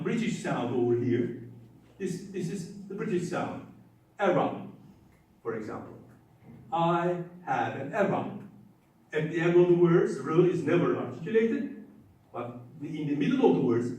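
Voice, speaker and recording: A man's voice: on the high side, a little mellow. Man lecturing in an echoey hall. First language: Turkish. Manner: emphatic, repeats words, sounds out examples. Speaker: conference presenter. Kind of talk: academic conference lecture. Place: conference hall. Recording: echoey hall, distant mic.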